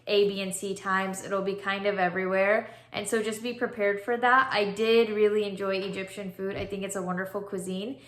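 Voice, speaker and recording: Young woman, casual vlog narration, relaxed and chatty, mid pitch, roomy echo. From California. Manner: relaxed, chatty, frequent "um" fillers. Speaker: travel vlogger.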